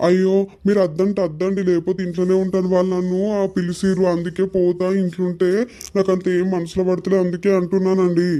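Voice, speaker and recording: A woman's voice: lowish voice, flat delivery, quick pace, lightly acted. A woman doing a timid, weepy village husband. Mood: timid, pleading. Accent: Telangana Telugu. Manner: pleading, fearful, soft-spoken. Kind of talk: cartoon voice acting.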